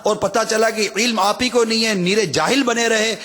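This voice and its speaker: A male preacher with a very high, bright, ringing voice delivers an emphatic sermon. He drives his points home with repeated phrases and rhetorical questions, and his words trail off into the long reverb of a big hall.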